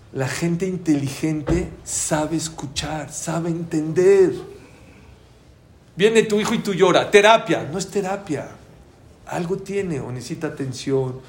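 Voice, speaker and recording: A man teaching a Talmud class to a live audience, lively and quizzing listeners with questions. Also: on the high side. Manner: animated, asks the audience questions. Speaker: Torah teacher. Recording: roomy room with faint ambience.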